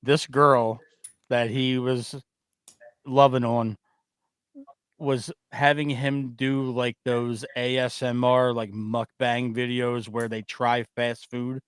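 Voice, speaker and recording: A blunt, opinionated man hosting a sports talk show, ranting about players and throwing in a curse now and then. His voice is mid-pitched. The sound is dry and close, with no room echo. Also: flat delivery, takes it slowly, clear, resonant tone. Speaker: host. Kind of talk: casual sports chat.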